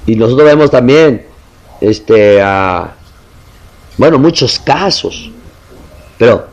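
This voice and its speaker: A man's voice: medium pitch, expressive, slow pace, highs cut off. A man preaching a sermon in Spanish, impassioned, building emphatic lists and calling his listeners brother.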